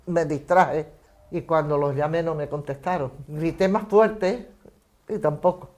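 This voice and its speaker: A woman's voice: sits low, a little slow, darkish tone. Elderly woman telling her story steadily. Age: 80s or older. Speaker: survivor giving testimony. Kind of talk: documentary testimony.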